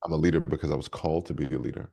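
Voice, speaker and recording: A man's voice: extremely low pitch, steady tone, rapid-fire, vocal fry, warm tone, breathy edge. A man who is a leadership coach and speaker, telling stories energetically in an interview with many restarts. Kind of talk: conversational interview storytelling.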